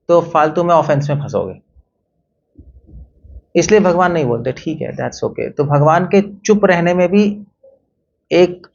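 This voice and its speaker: A man's voice: on the high side, darkish tone. Questioning man giving a temple talk. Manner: conversational, mixes English phrases, asks the audience questions. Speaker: temple speaker. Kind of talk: devotional talk to an audience. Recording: dull lo-fi recording.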